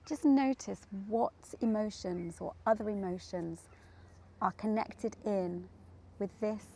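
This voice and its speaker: A woman guides listeners through a meditation, her medium-pitched voice carrying vocal fry. She is gentle and soothing, pausing at length between short, deliberate phrases.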